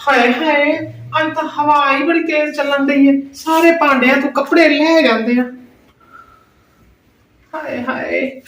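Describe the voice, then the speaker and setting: Comedy skit aunty, played by a woman: Pakistani Punjabi, high-pitched, loud, excitable, melodramatic exclamations, echoey room. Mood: flustered, dramatic. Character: loud, dramatic, excitable village aunty and wife. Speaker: actor in a family comedy vlog. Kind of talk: family comedy skit acting. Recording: roomy echo with clear background noise.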